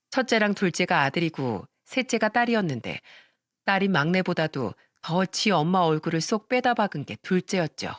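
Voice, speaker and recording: A storyteller reads a listener's story in the first person, with a steady, conversational delivery. The voice sits mid-pitch and very dry and close. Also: no room sound.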